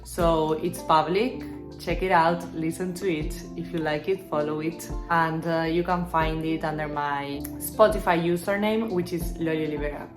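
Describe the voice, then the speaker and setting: A woman's voice: low-pitched, steady tone, moderate pace. A woman in her thirties from Argentina, chatting upbeat in a get-to-know-me vlog and answering questions she reads out herself. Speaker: image consultant and stylist. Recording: roomy sound with guitar music behind.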